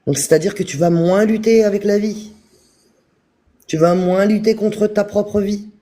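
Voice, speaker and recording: A man giving a calm, repetitive spiritual talk on a live stream, speaking straight to his viewers. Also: high-pitched, a little slow. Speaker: spiritual teacher.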